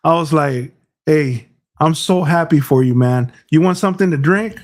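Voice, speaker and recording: Man, middle-aged, casual storyteller, rambling, repeats himself, slightly high voice. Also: moderate pace. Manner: rambling, repeats words, says bro and dude. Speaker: podcast co-host.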